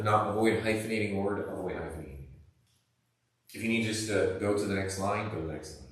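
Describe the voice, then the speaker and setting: A man's voice: sits low, a bit bright. A male teacher giving a classroom lesson in a casual, rambling way with lots of fillers, recorded by a camera across the room. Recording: echoey room, distant camera mic.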